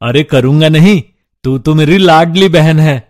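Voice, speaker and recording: A man voicing a doting elder brother who spoils his sister, loudly. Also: on the high side, unhurried, no room sound, studio quality, lightly acted. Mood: indulgent.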